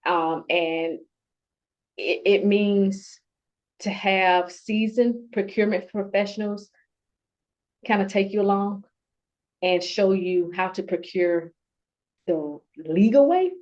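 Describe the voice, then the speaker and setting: A woman's voice: mid-range voice, steady tone. Earnest woman on a dull lo-fi recording. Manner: earnest and heartfelt, halting. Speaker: award-winning procurement professional, guest. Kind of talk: conversational interview. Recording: dull lo-fi sound.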